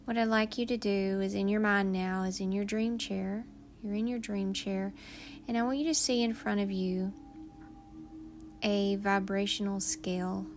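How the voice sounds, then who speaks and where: A woman guides a meditation in a soothing, unhurried way, leaving long pauses between phrases. Her mid-range voice holds a steady tone, and there is a faint hiss or hum.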